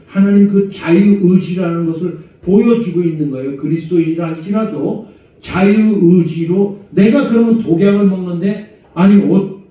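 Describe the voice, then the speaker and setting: A middle-aged man preaching a conversational sermon as senior pastor, asking rhetorical questions and moving between low murmurs and raised exhortation. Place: church sanctuary. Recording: echoey church hall, far from mic, dull sound.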